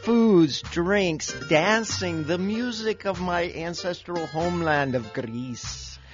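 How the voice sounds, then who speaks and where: A man's voice: high-pitched, slow pace, muffled recording, over music. A man visiting a radio show as a guest, eagerly promoting a festival. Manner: eager, greeting with Greek words.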